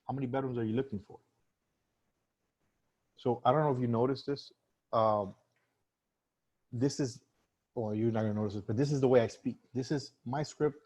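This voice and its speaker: A man's voice: medium pitch, normal speed, pauses often, darkish tone, breathy edge. A man teaching sales in a casual live-stream talk, conversational with many fillers and restarts. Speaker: sales trainer.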